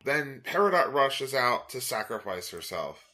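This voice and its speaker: A man co-hosting a casual fan podcast, reasoning through plot points at a measured pace. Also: medium pitch, sing-song, pushed and bright. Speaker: podcast co-host.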